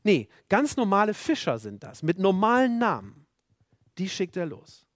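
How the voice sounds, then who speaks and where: A man's voice: sits high, wildly swooping pitch, normal speed, no room sound, studio quality. A man preaching a sermon, earnest and emphatic, repeating rhetorical questions to his listeners.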